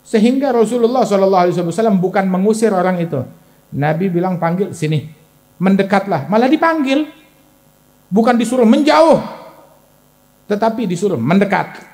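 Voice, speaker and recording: High-voiced male preacher telling a story. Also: lively intonation, fairly quick, pauses often, a little mellow. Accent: Indonesian. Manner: acts out dialogue in his sermon, rising sharply for indignant quotes. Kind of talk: sermon storytelling.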